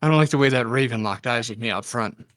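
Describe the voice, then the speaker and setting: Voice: mid-range voice, fast talker, fairly bright tone, no echo, natural voice. A player voicing a nervous young boy, jittery, dry close recording.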